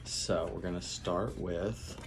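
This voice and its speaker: A man speaking softly and calmly as he reads his own fantasy writing aloud in a quiet narrating style. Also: sits low, slow, background noise. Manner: quiet, calm, soft-spoken reading. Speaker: writer reading own novel aloud.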